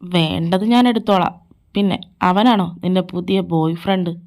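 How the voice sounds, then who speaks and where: A woman's voice: a little mellow, lightly acted. A woman doing a possessive, menacing young man. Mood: taunting. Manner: taunting, domineering, slow and low. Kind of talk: fan audio drama. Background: faint background music.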